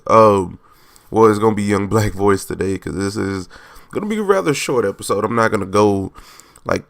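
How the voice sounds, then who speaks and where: A young man with a low, gravelly and raspy voice hosts a casual solo podcast. He rambles loosely, restarts his thoughts and corrects himself as he goes. The sound is dry and close, with no room around it. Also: no room sound. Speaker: podcast host.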